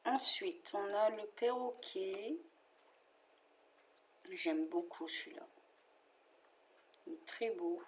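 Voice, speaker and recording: A woman with a French accent chats casually about her favorite cross-stitch patterns, showing them off at a relaxed, unhurried pace. Her mid-range voice is chatty, sprinkled with fillers and small asides, over slight background noise.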